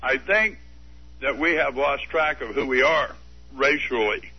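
A man's voice: mid-range voice, measured pace, breathy edge. A man calling in to a radio talk show, arguing his views in an earnest, firm way. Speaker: radio caller. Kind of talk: call-in radio debate. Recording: dull lo-fi radio broadcast.

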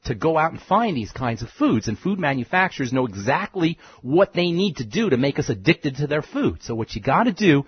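Male radio health host, emphatic and lecturing, lively pitch, husky edge, dry muffled sound. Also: brisk, hardly any pauses, no room sound. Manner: emphatic, lecturing, repeats key phrases. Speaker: radio show host, pharmacist. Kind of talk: call-in health radio talk.

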